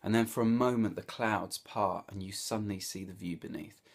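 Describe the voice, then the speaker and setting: A man leads a devotional Bible talk in a fairly low voice. He tells the passage like a story, building vivid what-if scenes and letting his delivery swell and settle as he goes. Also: moderate pace, vocal fry. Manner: storytelling, animated, with vivid hypotheticals. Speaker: Bible teacher.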